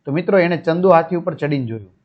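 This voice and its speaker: A man's voice: on the high side, animated, fast, dull audio. A man teacher reading a children's story aloud, repeating each line and asking his pupils questions about it. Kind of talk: reading and explaining a school lesson.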